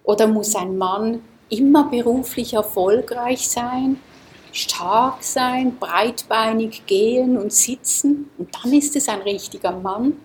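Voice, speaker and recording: A woman from Switzerland giving a calm, reflective Dharma talk to a group in a seminar room, often asking her listeners questions. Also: on the high side, takes it slowly, a little hiss or hum. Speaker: meditation teacher.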